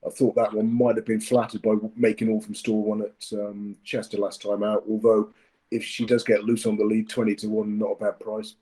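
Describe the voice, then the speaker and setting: Dark-voiced man picking horses. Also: fairly low pitch, little pitch movement, fairly quick, poor audio. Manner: hesitant, with many fillers and restarts. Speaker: racing tipster. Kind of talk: casual racing preview chat.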